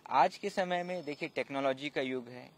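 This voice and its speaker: A man's voice: a little high, normal speed. A man who is a civil services officer, giving preparation advice as a guest in an interview, explaining patiently and repeating his key points.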